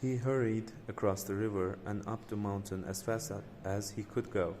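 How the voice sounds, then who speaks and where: A man's voice: lowish voice, fairly even intonation, moderate pace, darkish tone, big-room sound, a little hiss or hum. A man reading a folk tale aloud, with frequent slips and restarts. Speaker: storyteller.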